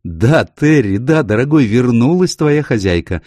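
A man's voice: fairly low pitch, sing-song, normal speed, mellow, no room sound, pitched above the performer's own voice. A man voicing a weary, tender young woman who speaks in an affectionate, pleading way.

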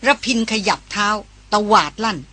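A woman narrating an adventure audiobook in a steady, vivid storytelling manner. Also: moderate pace. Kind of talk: scripted narration.

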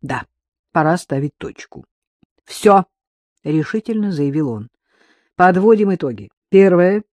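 A decisive middle-aged father in an audiobook who lays down the law, as a narrator puts him on. He sounds firm and in charge. The tone is mellow, and the recording is dry. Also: mid-range voice, sing-song, moderate pace, dry recording.

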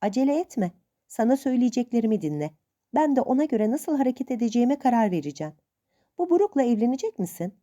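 Woman doing a stern old aunt, bossy, lecturing, higher voice, dull lo-fi sound. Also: sing-song, fast talker, warm tone. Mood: scolding.

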